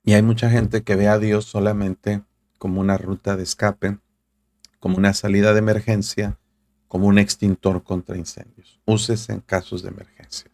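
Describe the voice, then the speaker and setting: A man's voice: fairly low pitch, level tone, normal speed, a little mellow, no room sound. A male pastor, preaching a sermon with earnest direct address and reading scripture aloud. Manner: reads scripture aloud, searches for verses mid-talk.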